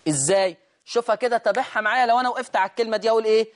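A man with an Egyptian accent teaching the basics of Quran recitation in a lesson. He explains step by step and often asks whether his listeners follow. He stretches out verses in a slow chant to show each rule. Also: high-pitched. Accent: Egyptian Arabic. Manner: repeatedly asks "right?" to check understanding. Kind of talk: online tajweed lesson.

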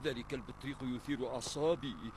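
A man's voice: medium pitch, quick pace, noisy background, natural voice. A man playing a bumbling, self-important, feverish military sergeant in a dubbed cartoon, with melodramatic delivery. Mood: scheming, indignant.

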